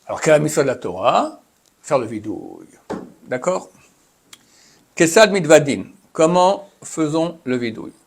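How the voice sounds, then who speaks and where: Husky guy teaching a torah class, reads hebrew bits then explains them all chatty. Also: on the high side, very animated, moderate pace. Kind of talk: Torah lesson, explaining texts.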